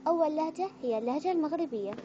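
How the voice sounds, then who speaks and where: A cheerful Iraqi woman with a high, light voice talks straight to her viewers in a chatty vlog. The sound is a bit dull and lo-fi, with faint room ambience behind her. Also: expressive, very fast, warm tone, a little hiss or hum. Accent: Iraqi Arabic. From Iraq. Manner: cheerful, chatty, addresses fans directly. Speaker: vlogger. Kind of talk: casual dialect-challenge vlog.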